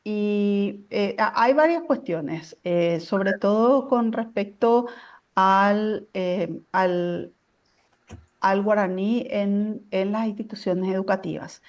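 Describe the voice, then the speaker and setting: Woman in the audience, slow and hesitant, lots of ehs, muffled lo-fi sound. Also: mid-range voice, darkish tone. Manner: hesitant, many fillers. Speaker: audience member asking a question. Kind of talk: question after a conference talk.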